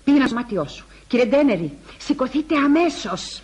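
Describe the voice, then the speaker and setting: An actress playing a sharp-tongued older woman in a radio drama, talking in a brisk, scolding way. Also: sits high, animated.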